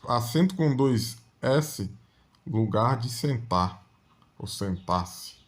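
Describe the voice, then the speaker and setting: Slow-talking male grammar teacher. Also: medium pitch, animated. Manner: explains slowly with frequent "né?" checks. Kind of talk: exam-prep grammar lesson.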